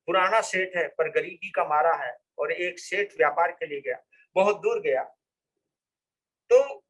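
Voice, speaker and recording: A monk tells a long moral story in a sermon, often repeating his phrases for emphasis. His voice sits very high for a man. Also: a bit bright, rough recording. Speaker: Jain monk.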